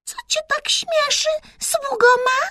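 A woman doing a squeaky bossy girl mouse. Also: takes it slowly, sharp tone, no echo, exaggerated voice. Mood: haughty. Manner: squeaky, haughty. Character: bossy little girl mouse playing princess.

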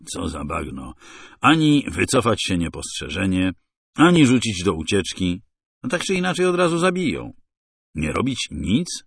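A man reading a first-person thriller audiobook in a wry, hard-boiled, measured way. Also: lowish voice, no echo, clean studio sound. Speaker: audiobook narrator.

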